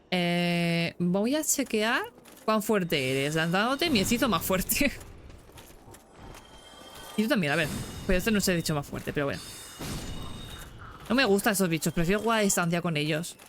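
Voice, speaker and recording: Give me a young woman, chattering through a game stream and breaking into excited squeals. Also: fairly low pitch, a little hiss or hum. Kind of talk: casual gameplay commentary.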